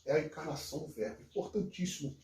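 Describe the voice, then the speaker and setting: A man's voice: fairly high pitch, fast, creaky, darkish tone. A man who teaches Greek, explaining scripture in a casual conversation with enthusiasm and emphasis. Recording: echoey room, distant from mic.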